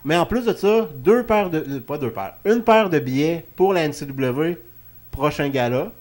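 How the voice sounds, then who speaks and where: A man with a Quebec French accent hosts a wrestling talk show, chatting casually and joking in an informal studio setting. His voice is a little high and somewhat mellow, expressive, at a moderate pace.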